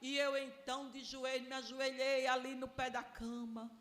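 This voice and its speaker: Earnest woman preaching, bright and roomy. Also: high voice, little pitch movement, moderate pace. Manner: earnest, storytelling, emotional. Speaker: preacher giving a testimony. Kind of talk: sermon testimony. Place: church.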